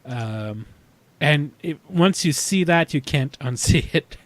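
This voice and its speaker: A man co-hosting a casual fan podcast, talking in a halting way with many fillers and restarts. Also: a little high, animated, no room sound. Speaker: podcast co-host. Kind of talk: casual chat.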